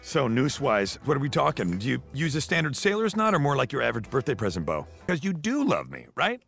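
An actor voicing a jaded, sardonic male horse, a washed-up sitcom star in an animated comedy. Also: medium pitch, fast talker, gravelly, soft background music, full character voice. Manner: sardonic, cutting.

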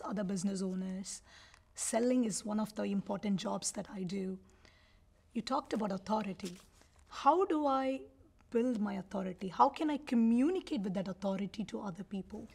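A woman hosting a podcast interview, asking questions in a soft-spoken way. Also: mid-range voice, normal speed, vocal fry, a little hiss or hum. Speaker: podcast host.

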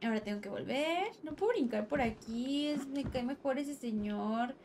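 High-voiced Mexican woman streaming a horror game. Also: expressive, normal speed, a little mellow, slight background noise. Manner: jumpy, nervous, chatting with viewers. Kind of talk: live gameplay commentary.

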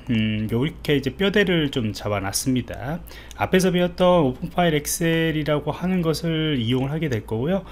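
A male IT instructor narrates an informal coding tutorial step by step over a screen recording, thinking aloud as he types. His voice sits at medium pitch. He is indoors, and background noise is clearly audible.

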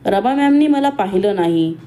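A woman voicing a young female college student who talks in a quick, teasing and pointed way. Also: mid-range voice, expressive, mellow, natural voice. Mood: spirited.

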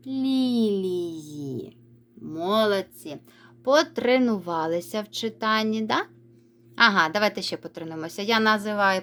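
A woman teacher giving a recorded reading lesson to young children, praising them and slowly drawing out words as she models reading. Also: mid-range voice, fairly bright tone. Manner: encouraging, sing-song, stretches words slowly when modelling reading. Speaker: primary school teacher.

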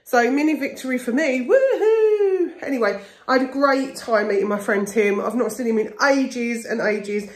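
A woman's voice: fairly high pitch, moderate pace, hardly any pauses, slightly rough. A middle-aged woman chatting casually and confidingly, rambling as she vlogs into a phone at arm's length. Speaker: vlogger. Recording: noisy handheld phone recording, ambient sound.

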